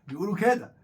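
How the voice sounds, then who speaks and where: A man with an Egyptian Arabic accent, co-hosting a casual football talk show, animated and full of fillers as he goes over the story. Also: a little hiss or hum. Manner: animated, repetitive, thinks aloud with many fillers. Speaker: co-host of a football talk channel.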